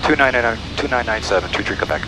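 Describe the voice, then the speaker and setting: Over heavy small-airplane cabin noise, this man, a private pilot who vlogs about aviation, talks a quick pace with an animated, medium-pitched voice. Speaking through a headset in the cockpit mid-flight, he mixes clipped radio calls with casual narration of what he's doing.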